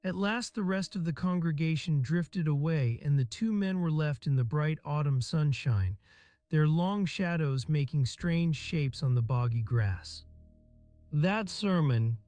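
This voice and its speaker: A man reading an audiobook in steady, measured scripted narration. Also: a little high, no room sound.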